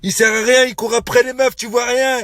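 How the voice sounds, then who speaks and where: A man's voice: very high-pitched, little pitch movement, brisk, a bit bright, no room sound, studio quality. A man ranting at his Snapchat followers, aggressive and threatening, hurling insults into his phone. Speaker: Snapchat vlogger. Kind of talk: angry phone rant to followers.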